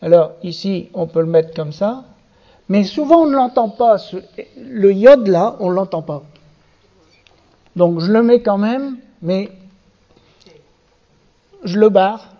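A man's voice: high voice, lively intonation, slow, pauses often, dull audio. A man teaching a Hebrew reading lesson to a class, patiently spelling out letters and syllables one by one.

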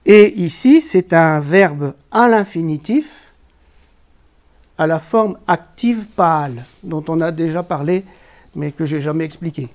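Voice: mid-range voice, a little slow, a little mellow. A teacher leading a classroom lesson on biblical Hebrew, explaining patiently step by step with frequent hesitations. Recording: dull lo-fi classroom recording.

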